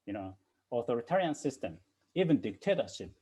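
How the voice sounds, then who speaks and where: A man's voice: mid-range voice, very animated, brisk, dark tone, breathy edge, poor audio. A man from Japan, speaking English as a guest lecturer and leaning on "you know" fillers between points. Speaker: guest speaker, China scholar. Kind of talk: lecture-style talk.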